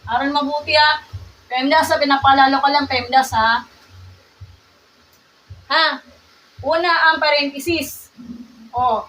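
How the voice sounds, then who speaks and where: A woman with a Filipino accent teaching math on a live stream, loud and emphatic, often checking that students follow. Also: sits high, far from the mic, slight background noise, poor audio.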